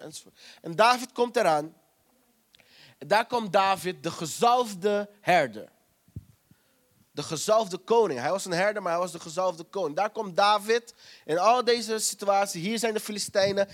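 A man preaching a sermon in a fairly high voice. He drives his points home by repeating key phrases, and he acts out the voices of scripture figures as he retells their stories.

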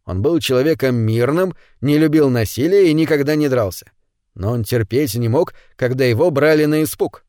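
A man narrating a story as an audiobook reader, reading in an expressive, animated way. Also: medium pitch, moderate pace, no echo, studio quality. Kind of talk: scripted narration.

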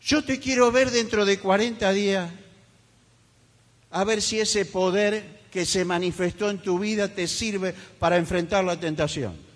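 Fiery high-voiced preacher, hall echo. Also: male voice, steady tone, measured pace. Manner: fiery, emphatic preaching with mocking quoted voices. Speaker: pastor. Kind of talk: sermon. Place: church hall. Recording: reverberant church hall.

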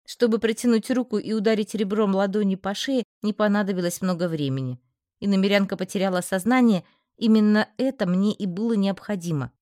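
A woman reading a first-person fantasy novel aloud, steady and expressive. Her voice sits in a middle pitch. The recording is dry and close, with no room around it. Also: fairly quick, dry recording. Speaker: audiobook narrator. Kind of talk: first-person audiobook narration.

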